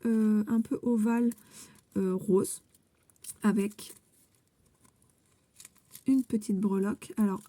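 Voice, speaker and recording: A woman with a fairly high, deeply mellow and soft voice presents handmade crafts in a casual vlog. She talks while handling paper, pausing with little hesitations and repeating her enthusiastic compliments. A breathy edge sits on her tone throughout. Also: no echo. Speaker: scrapbooking vlogger. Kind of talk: casual show-and-tell vlog.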